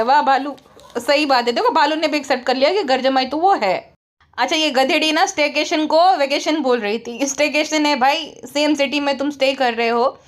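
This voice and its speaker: A woman giving a sarcastic, mocking gossip commentary and mimicking the people she criticizes. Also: high-pitched. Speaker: online commentator.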